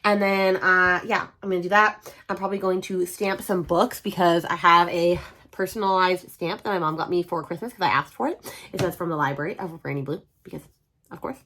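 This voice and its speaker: A woman's voice: on the low side, fairly even intonation, a little fast, sharp tone. A woman book vlogger chatting casually to camera in an informal, rambling way.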